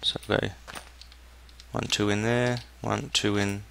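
Young aussie guy, low gravelly voice, mumbling along while he plays a game, casual commentary. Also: flat delivery, slow pace, pushed and bright, slight background noise. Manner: muttering running commentary, thinking aloud. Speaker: gameplay commentator. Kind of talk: casual let's-play commentary.

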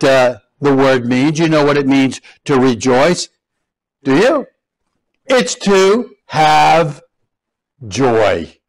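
A man preaching a sermon as pastor, slow and emphatic, repeating key words with rising stress. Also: sits high, poor audio. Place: church.

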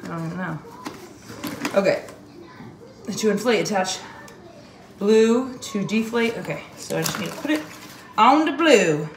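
A woman's voice: medium pitch, lively intonation, a little slow, pauses often. A woman in her thirties chatting casually to camera as a vlogger, thinking aloud in colloquial, mildly sweary language. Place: indoors at home, kitchen and other household rooms. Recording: echoey rooms with clear background noise.

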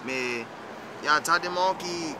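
A man's voice: fairly high pitch, moderate pace. A man in his twenties from Texas with a Cajun and Creole French accent, answering interview questions casually and searching for words. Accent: Louisiana French, Creole and Cajun. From Texas, United States. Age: 20s. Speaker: musician being interviewed, fiddler. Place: outdoors in a yard by a house and street. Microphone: camera mic a short distance away. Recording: noisy outdoor camera recording.

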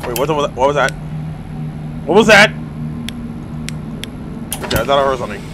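A man's voice: mid-range voice, sing-song, normal speed, noisy background. A young man playing a horror game, jumpy and foul-mouthed, yelping at scares. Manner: jumpy, swears a lot, yelps and shouts at scares. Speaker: gaming YouTuber. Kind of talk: horror game let's play commentary. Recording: game music behind the voice.

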